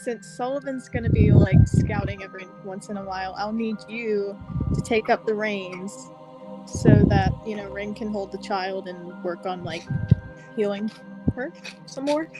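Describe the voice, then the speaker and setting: A woman's voice: medium pitch, measured pace, loud music behind the voice, rough recording. Woman cutting out on a bad call. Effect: voice cutting out over a bad online call connection. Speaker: player. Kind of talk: casual tabletop roleplay chat. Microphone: online voice call.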